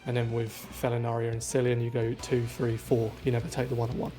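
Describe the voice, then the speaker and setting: A man in a group voice chat lays out raid positions in a methodical, patient way, one step at a time. His voice sits at an ordinary middle pitch, with soft game music playing faintly underneath. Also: completely flat delivery, fast. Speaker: raid leader.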